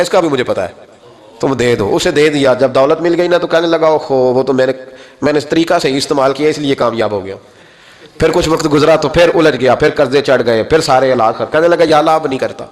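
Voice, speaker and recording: A man with a Pakistani Urdu accent giving a sermon, telling stories that climb to emotional peaks. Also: mid-range voice. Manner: storytelling with rising emotional peaks. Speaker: preacher.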